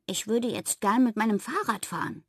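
A woman voicing a small, childlike cuddly toy pig in a storybook, squeaky and demanding. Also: normal speed, fairly bright tone, slightly rough, no echo, clean studio sound. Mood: whiny.

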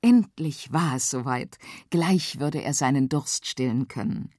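A woman narrating a children's radio story with expressive, animated reading, recorded in a studio. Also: extremely low pitch, measured pace, dry recording.

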